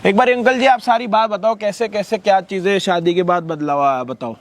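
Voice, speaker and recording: A man's voice: high-pitched, a little fast. A male host staging a street confrontation, scolding and mocking with abusive words.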